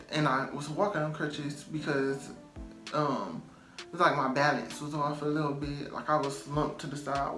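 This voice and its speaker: A man's voice: on the high side, a bit bright. Chatty man telling a story, roomy sound. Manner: loose, chatty, many "um" and "like" fillers; emphatic, repeats phrases for stress. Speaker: storytime vlogger. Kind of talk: casual storytelling. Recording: roomy echo, faint music behind.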